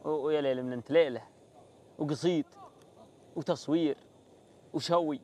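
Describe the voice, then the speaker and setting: A man's voice: fairly high pitch, fairly even intonation, moderate pace, a little mellow, slight background noise. A young man with a Bedouin Saudi Arabic accent, chatting casually and telling stories with frequent polite forms of address. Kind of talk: casual chat and storytelling. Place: walled set with artificial grass, seated group.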